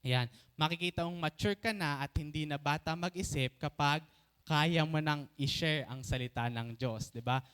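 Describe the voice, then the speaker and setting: A man preaching a sermon in Tagalog mixed with English, often asking the congregation for an amen and slowing down to stretch out key phrases. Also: fairly high pitch, a bit bright, clean tone.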